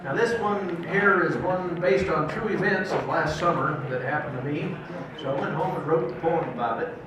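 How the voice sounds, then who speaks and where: A man's voice: on the high side, normal speed. An older man with a folksy cowboy twang performs rhyming cowboy poetry live, telling it as theatrical comic storytelling. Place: performance venue with echo. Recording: echoey venue, distant mic, noisy background.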